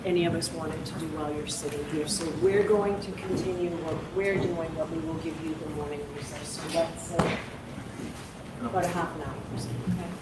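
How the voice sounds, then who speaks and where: A woman judge giving measured procedural instructions from the bench, heard on a courtroom audio feed. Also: deep voice, fairly even intonation. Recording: noisy courtroom mic recording.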